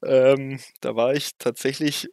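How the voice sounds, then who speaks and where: A man's voice: mid-range voice, a little slow, gravelly, dry recording, clean studio sound. Bavarian man telling stories. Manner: lively storytelling, laughs often. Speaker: bobsledder guest. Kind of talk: casual interview.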